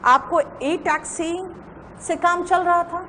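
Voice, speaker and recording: An Indian woman teacher with a high voice lectures on grammar, dictating her notes at a slow, deliberate pace. Her voice rings in a reverberant classroom with faint ambience behind her. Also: steady tone, sharp tone, slight background noise. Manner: dictates notes slowly, repeating phrases. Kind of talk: classroom lecture in Hindi and English.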